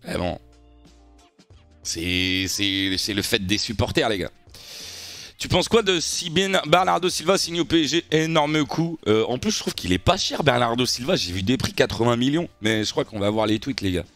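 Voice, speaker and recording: A man's voice: mid-range voice, moderate pace, dry recording, soft background music. A young man streaming live and reacting to football news, chatting animatedly and constantly turning to his viewers. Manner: animated, keeps addressing his viewers as guys. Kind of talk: casual live-stream chat.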